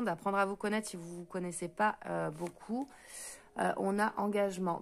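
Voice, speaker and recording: A French-accented woman giving an intuitive card reading, her voice pitched at an ordinary middle height. She rushes her words, stumbles and restarts, and leans on hesitant fillers as she goes. Faint noise sits under her voice. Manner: talks fast and stumbles, many hesitant fillers. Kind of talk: spoken card reading for viewers.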